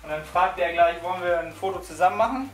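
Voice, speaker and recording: A young man chatting excitedly in a casual fitness vlog from a small apartment room. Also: high voice, fast. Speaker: fitness vlogger.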